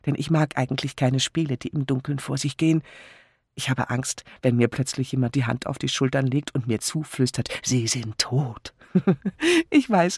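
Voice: mid-range voice, vocal fry, husky, no room sound, clean studio sound. A reader voicing a cheerful, chatty vicar's wife who gushes in a bubbly way, in an audiobook. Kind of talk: audiobook character voice.

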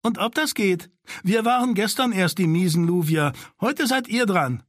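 A mean, domineering village girl snaps out orders and taunts in a high, pushy voice, as a male narrator puts her on. She hisses and grumbles with spite. The recording is dry and close. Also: big pitch swings, moderate pace, fairly bright tone, no room sound, heavily acted. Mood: bossy, spiteful. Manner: hissing, commanding, spiteful.

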